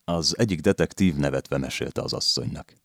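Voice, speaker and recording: A man narrating a literary novel in a measured storytelling reading. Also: extremely low pitch, expressive, creaky, no room sound, studio quality.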